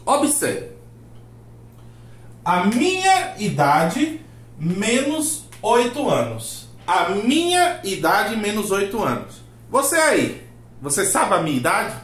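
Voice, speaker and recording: A man's voice: high-pitched, huge pitch swings, takes it slowly, a bit bright. A man teaching a math lesson, asking rhetorical questions and acting out his students' replies. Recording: roomy echo.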